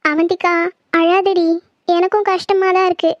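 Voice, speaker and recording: Woman playing a sad, gentle big-sister cousin for a cartoon, high and dry. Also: flat delivery, measured pace, no echo, dull audio. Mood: consoling.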